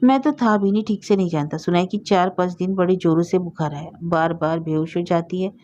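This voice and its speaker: A quiet younger brother, dry and subdued, as a woman reads his part in her low voice. The storybook reading sounds dull and lo-fi. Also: a little fast, natural voice.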